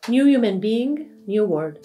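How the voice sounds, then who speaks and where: A woman's voice: a little high, big pitch swings, a little slow, warm tone. Woman lecturing over music. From Israel. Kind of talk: scripted lecture narration.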